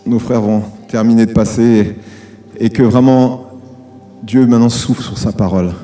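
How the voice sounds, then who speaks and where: A man's voice: mid-range voice, steady tone, moderate pace, dark tone, soft background music. A man leading worship, urging the congregation on and calling for amens. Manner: exhorts the congregation with calls for amen. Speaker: worship leader.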